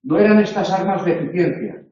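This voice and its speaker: A man from teaching a university tutorial, going through spelling examples slowly and checking in with "¿eh?". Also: high voice, mellow. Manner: slow, deliberate spelling drills with questioning "¿eh?". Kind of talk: recorded tutorial lecture. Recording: roomy, dull lecture recording.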